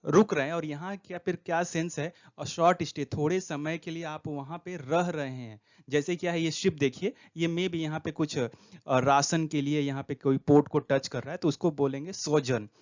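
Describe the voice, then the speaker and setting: A man giving an exam prep lesson, explaining each word slowly and reading English prompts aloud. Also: a little high. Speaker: teacher. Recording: dull lo-fi recording.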